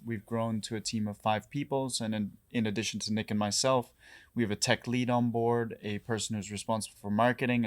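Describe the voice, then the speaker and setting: A young man introducing himself as a startup co-founder, speaking in a measured, articulate way. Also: fairly low pitch. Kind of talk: interview answers.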